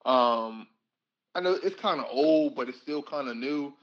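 A man's voice: mid-range voice, a little slow, dull audio. A man hosting a podcast in casual chat, laid-back but opinionated. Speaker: podcast host.

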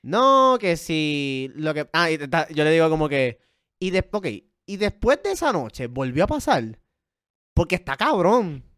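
A man telling a story in casual chat, animated and full of swearing. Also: fairly high pitch, measured pace, no room sound, clean studio sound. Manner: animated storytelling, swears a lot, acts out quotes. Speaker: podcast co-host telling a story.

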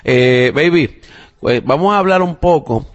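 A man from Puerto Rico with a Puerto Rican Spanish accent, hosting a casual family podcast and talking with his young daughter. He chats in a relaxed way with plenty of fillers and the odd English phrase. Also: on the high side, a little slow, lo-fi sound. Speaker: podcast host and father.

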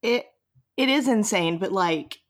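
A woman co-hosting a podcast and interviewing guests chats informally and enthusiastically, saying "like" constantly. Her mid-range voice is expressive and unhurried.

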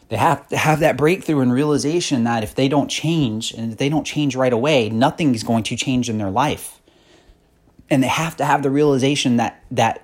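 A husky-voiced man in his thirties delivers a motivational podcast monologue. He talks bluntly and swears freely, pressing his point harder as he goes. His voice sits at an ordinary pitch for a man. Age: 30s. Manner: blunt, profane, increasingly fired-up. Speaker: podcast host.

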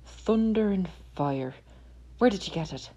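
A woman's voice: mid-range voice, expressive, unhurried, dark tone, lo-fi sound, voice pushed up. A woman voicing a bold young farmer, blunt and demanding in his questions. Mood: scoffing.

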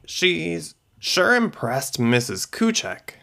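A man's voice: fairly high pitch, very animated, slow, creaky, pushed and bright, pitched above the performer's own voice, exaggerated voice. A man reading a story, voicing a dry, wry young son.

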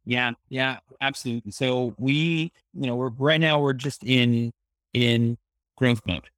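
A man's voice: mid-range voice, a little slow, fairly bright tone, no echo. A man speaking as a startup founder in an interview, in a tech-bro manner full of buzzwords, often repeating words as he searches for phrasing. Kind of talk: conversational interview answers.

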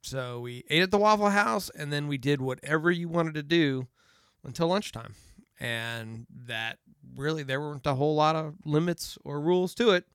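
Middle-aged father, smooth dry voice. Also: on the high side, normal speed, dry recording. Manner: joking, teasing, relaxed storytelling. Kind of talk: casual family chat.

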